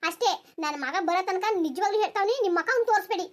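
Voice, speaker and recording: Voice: very high voice, racing. Voice actor doing a harsh scolding village mother-in-law. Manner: scolding, accusing questions. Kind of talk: cartoon voice acting.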